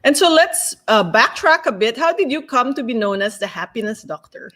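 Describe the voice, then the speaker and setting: A woman hosting an interview show, reading a scripted intro and then chatting with a guest in an upbeat way, often answering with a quick "right". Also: a little high, lively intonation, fairly bright tone. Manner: upbeat, frequent affirming "right". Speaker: talk show host.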